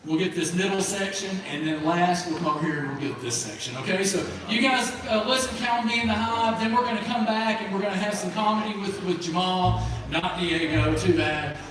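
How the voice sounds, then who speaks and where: A higher-voiced man hosts a live show, telling folksy jokes with a lot of repeating. He is heard from far off across a large room, with heavy echo and steady background noise. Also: fairly quick, hardly any pauses, a crowd in the background. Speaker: event host telling jokes. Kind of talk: live stand-up joke telling.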